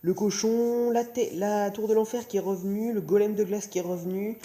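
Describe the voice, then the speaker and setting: A young man with a high, warm voice hosts a gaming video at a normal pace and a steady tone. His mouth is sore from wisdom teeth surgery, and his commentary is casual, hesitant and rambling. Music plays behind him throughout.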